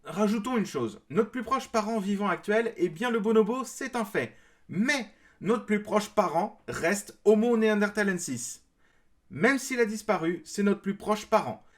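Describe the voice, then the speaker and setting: High-voiced man giving sarcastic rebuttal. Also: expressive, unhurried. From France. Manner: explanatory, mildly sarcastic. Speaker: video creator responding to a clip. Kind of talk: critical commentary rebuttal.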